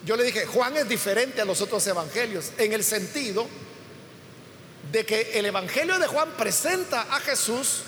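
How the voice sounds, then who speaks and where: Man, preacher, high-pitched voice, verse-by-verse Bible teaching, hall reverb, faint background noise. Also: lively intonation, pushed and bright. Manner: explains slowly, acts out quoted dialogue with emphasis.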